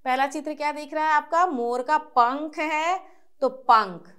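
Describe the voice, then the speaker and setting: A woman teaching young children to read, stretching out and repeating each word slowly and then explaining quickly in between. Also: sits high, fairly bright tone. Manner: drawn-out syllable-by-syllable pronunciation, repeating words. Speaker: primary school teacher. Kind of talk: reading-aloud lesson for young children.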